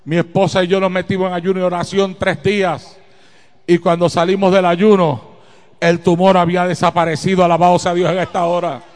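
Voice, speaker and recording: Male pastor, sermon, middle-aged, high voice, echoing hall. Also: flat delivery. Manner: testimony told slowly, building to shouts. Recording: long reverb of a hall.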